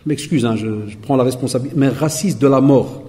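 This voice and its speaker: A Belgian preacher, forties, addresses a live congregation with a sermon full of stories, impersonated lines from other people, and jokes for the crowd. He talks fast in a mellow, mid-range voice, and the hall recording is echoey.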